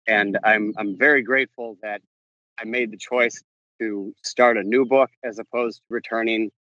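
Pacing around a campus outdoors, a novelist guest answers interview questions in a lowish voice that is steady in tone but pushed and bright. He keeps stopping, restarting, and correcting himself. The audio sounds dry and dull.

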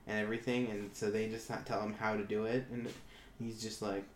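A man with a fairly low voice talks casually and animatedly, acting out quotes and swearing freely. The sound bounces around an echoey room, with faint ambience underneath. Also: little pitch movement, a little fast, slight background noise. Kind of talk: casual chat.

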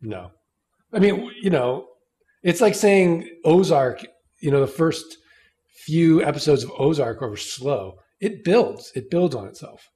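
A man's voice: a little high, animated, a little slow, dark tone. A man hosting a podcast roundtable, joking and emphatic in casual chat. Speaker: podcast host.

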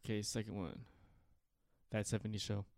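A man's voice: fairly low pitch, little pitch movement, moderate pace, vocal fry, darkish tone, dry recording. Laid-back young man, dry close sound. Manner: laid-back, slangy, swears casually. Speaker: podcast co-host. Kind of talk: casual chat.

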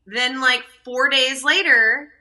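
A woman's voice: sits high, steady tone, slow, pushed and bright, poor audio. A young woman who is a doula, a guest on an interview podcast, chatting and telling stories with lots of "um" and "like". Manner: chatty, lots of fillers, storytelling. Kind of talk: casual conversational interview.

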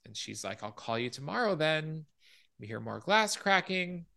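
A man's voice: on the high side, very animated, moderate pace, vocal fry, bright, forceful tone. A man hosting a podcast, casually retelling a film scene by scene and acting out quoted lines. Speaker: podcast host.

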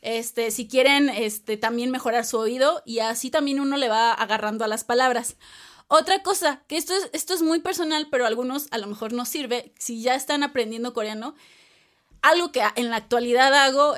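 High-voiced, chatty Mexican woman. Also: moderate pace, fairly bright tone. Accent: Mexican Spanish. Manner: chatty, lots of fillers and playful asides. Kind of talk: casual chat.

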